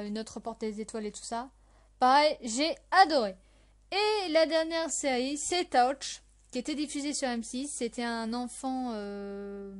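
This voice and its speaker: A young woman chats casually about her favourite shows on a podcast. Her voice sits a little high, and she hesitates a lot, with many fillers and restarts. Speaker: podcast host.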